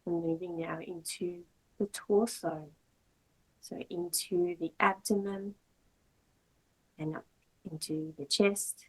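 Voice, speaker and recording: With a steady tone, a woman yoga teacher talks listeners through meditation in a lowish, noticeably husky voice. She keeps to short, measured, soothing phrases and lets long pauses hang between them, on a rough recording.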